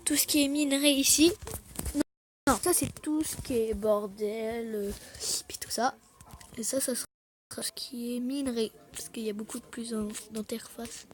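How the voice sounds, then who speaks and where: A woman's voice: high-pitched, rough recording. A woman giving casual, rambling gameplay commentary, chatting with viewers, apologizing often and dropping into whispered asides. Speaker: gaming video creator.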